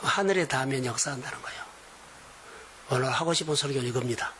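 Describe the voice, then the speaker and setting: A man preaching a sermon as pastor of a church, in earnest, slow, emphatic phrases. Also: medium pitch, background noise. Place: church sanctuary.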